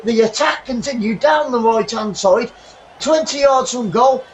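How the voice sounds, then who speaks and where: A man giving live football commentary, excitable and swearing, shouting at the team. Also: very high-pitched, recorded from a distance, slight background noise, poor audio. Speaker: watchalong commentator.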